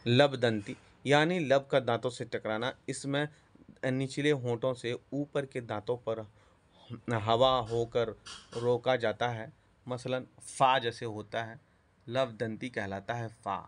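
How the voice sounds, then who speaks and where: A man giving a spoken lesson on speech sounds, pausing often, correcting himself and dropping in English terms. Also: mid-range voice, fairly even intonation. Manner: halting, self-correcting, mixes English terms. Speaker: teacher. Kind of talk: spoken lecture on phonetics.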